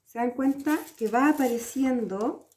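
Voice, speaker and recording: A high-pitched, somewhat mellow woman from Chile speaks a little slowly as she teaches a hands-on craft lesson. She goes through each step with patience and confirms her viewers are following.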